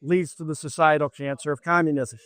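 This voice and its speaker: The speaker is a man whose voice sits a little high for a man, recorded dry and close. He is a political candidate in an interview, lecturing emphatically, repeating himself and firing off rhetorical questions. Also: fairly even intonation, fairly quick, a bit bright, dry recording.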